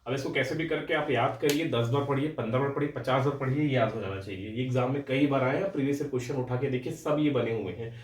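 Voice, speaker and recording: A man's voice: mid-range voice, fast, few pauses, roomy sound, recorded from a distance, slight background noise. A young man teaching a Hindi grammar lecture for exam aspirants, explaining patiently, repeating words and often checking in with his students.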